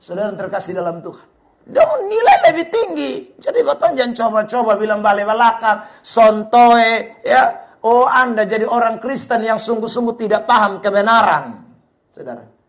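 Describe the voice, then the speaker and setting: A male pastor with a Kupang Malay accent preaching a sermon, emphatic and at times shouting, often addressing the congregation fondly. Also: very high-pitched, big pitch swings, moderate pace. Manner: keeps repeating a fond address to the congregation.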